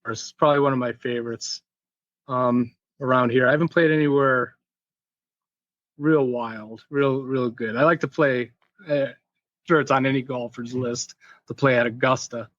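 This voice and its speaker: A man's voice: mid-range voice, fairly even intonation, normal speed, fairly bright tone, dry recording. Male podcast guest, easygoing storyteller, lo-fi dry sound. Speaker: podcast guest, packaging inventor. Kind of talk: casual interview chat.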